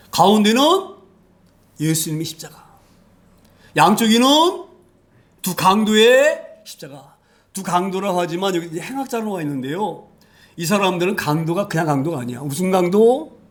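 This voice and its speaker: High-voiced emphatic male preacher. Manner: emphatic, rhetorical questions, frequent hallelujahs, wide swings in loudness. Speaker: pastor. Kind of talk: sermon.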